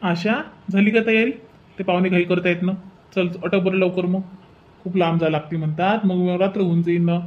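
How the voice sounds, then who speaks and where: A man's voice: sits high, fairly even intonation, fairly quick, muffled recording, close to an everyday voice. A man urging someone to hurry up and leave.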